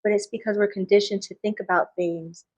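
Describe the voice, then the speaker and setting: A woman talking casually as a podcast guest and medical professional, expressive and quick to laugh. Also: medium pitch, lo-fi sound. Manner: animated, laughs often, expressive storytelling.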